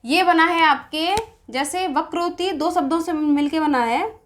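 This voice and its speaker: Slow, high-voiced woman teaching grammar. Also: slight background noise. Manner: explains slowly, asks and answers her own questions. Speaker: Hindi teacher. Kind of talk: exam-prep grammar lesson.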